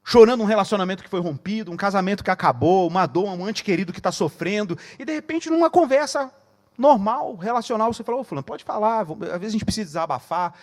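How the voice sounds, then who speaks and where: A man with a Brazilian Portuguese accent preaching as a pastor at a conference, telling stories and acting out conversations in a quieter voice. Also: sits high, animated, fast talker. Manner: storytelling, acts out dialogue in a quieter voice. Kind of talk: conference sermon. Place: conference hall.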